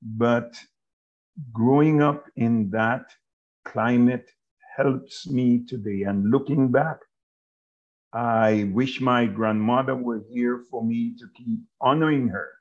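Slow, measured Jamaican man in his sixties. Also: mid-range voice, fairly even intonation, highs cut off. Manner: measured and halting, with many pauses. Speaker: guest, bishop and author. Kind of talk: casual interview talk.

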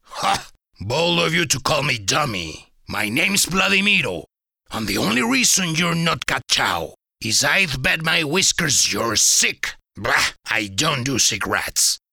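A man voicing a smug, gravelly lecturing cat. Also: a little high, sing-song, a little slow, sharp tone, dry recording, studio quality, full character voice. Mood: mocking. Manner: mocking, lecturing, laughs at his own jokes. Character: smug male cat, talkative revolutionary.

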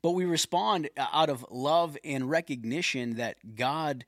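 A man's voice: on the high side, unhurried, no room sound, clean studio sound. A middle-aged man co-hosting a faith podcast, speaking earnestly and quoting scripture. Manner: earnest, quotes scripture, affirms often. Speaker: podcast co-host. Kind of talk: casual faith podcast talk.

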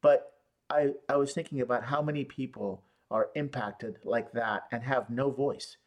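Man, lawyer, interview guest, conversational, halting, fillers and restarts, mid pitch. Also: darkish tone. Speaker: law firm owner, interview guest. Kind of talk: conversational storytelling. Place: San Luis Obispo area.

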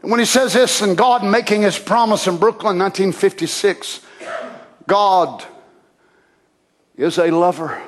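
A man preaching an impassioned sermon, shouting at the peaks and dropping to a hush. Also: high-pitched, measured pace, pauses often. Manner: shouting, impassioned, swings from loud to soft.

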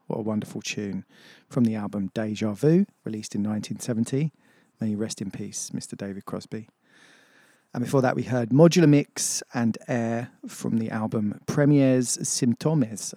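A man presents a morning music radio show in an easy, chatty way. His voice is warm and mellow, recorded dry and close. He drifts through asides with casual fillers. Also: lowish voice, no room sound. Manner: chatty, self-deprecating, with fillers. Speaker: radio DJ host.

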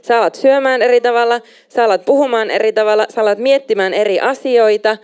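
Animated woman preaching a sermon. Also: a little high, clear, resonant tone. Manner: animated, emphatic, mixes in English phrases.

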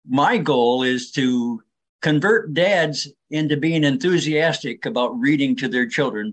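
A man's voice: mid-range voice, fairly bright tone. An older man speaking as an interview guest, explaining things in an earnest, persuasive way. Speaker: interview guest, reading advocate.

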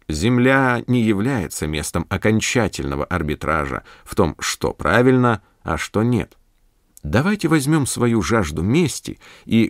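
Male preacher, low voice, solemn scripted sermon with lively intonation. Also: dry recording, clean studio sound. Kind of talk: scripted radio sermon reading.

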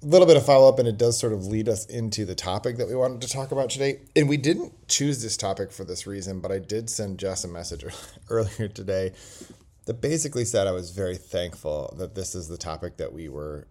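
A man's voice: fairly low pitch, a little fast, dark tone. A man hosting a podcast in casual chat, rambling and joking, recorded on a laptop's built-in microphone. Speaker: podcast host. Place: quiet indoor place while traveling.

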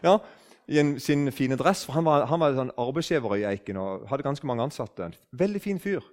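A man in his sixties from southern Norway, telling a story in a conversational way, often restarting his sentences. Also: medium pitch. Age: 60s. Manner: animated, restarts sentences, acts out quoted speech. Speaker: speaker on faith.

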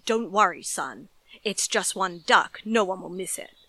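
A woman's voice: fairly low pitch, lively intonation, a little slow, sharp tone, dry recording, exaggerated voice. A woman voicing an eager father who heartily coaxes his son in a storybook reading. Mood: hearty coaxing. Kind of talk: acted dialogue in a horror storybook reading.

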